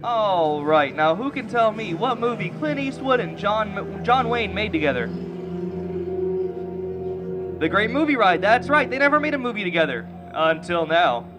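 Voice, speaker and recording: A man's voice: sits high, very animated, moderate pace. A man playing a chatty, joking theme park tour guide, giving scripted commentary. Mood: jokey. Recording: muffled PA with loud music.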